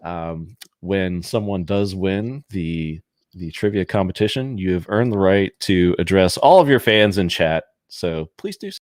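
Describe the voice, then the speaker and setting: A man hosting a casual live-stream show, running trivia with quick upbeat laughs. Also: deep voice, expressive, no room sound, studio quality. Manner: upbeat quiz-master, laughs often.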